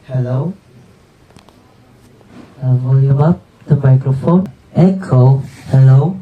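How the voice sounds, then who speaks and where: A man's voice: medium pitch, takes it slowly, narrow, tinny audio. A man doing a casual sound check, repeating short test words into a karaoke microphone with heavy echo. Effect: heavy karaoke echo through a loudspeaker, like a cave. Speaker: vlogger testing a karaoke microphone. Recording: echoey room heard from far off.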